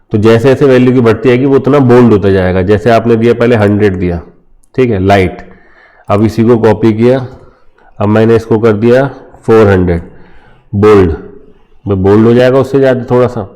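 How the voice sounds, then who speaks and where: Here an Indian-accented coding tutor talks viewers through a screen-recorded lesson in an informal way, treating them as friends and checking in frequently. His voice sits fairly low and is mellow, with fairly even intonation and a moderate pace, peppered with "theek hai."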